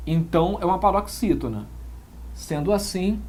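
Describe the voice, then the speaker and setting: A man's voice: high voice, lively intonation, normal speed, darkish tone. A man with a Brazilian Portuguese accent teaching grammar in an exam-prep lecture, explaining step by step and often checking in with short tag questions.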